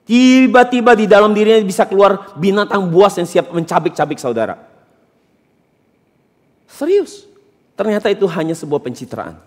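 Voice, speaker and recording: A man's voice: high-pitched, animated, normal speed, pauses often, big-room sound. A man preaching a sermon as pastor, questioning and teasing his congregation with emphatic points. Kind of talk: interactive sermon. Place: church hall during a service.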